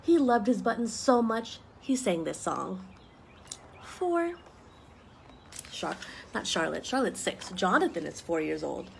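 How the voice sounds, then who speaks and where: On a tree-lined wooden deck, the thirtysomething woman reads a picture book aloud to little kids, lively and chatty, asking them questions. Her mid-range voice is unhurried, with frequent pauses. The home video, recorded at about arm's length, has clear outdoor background noise.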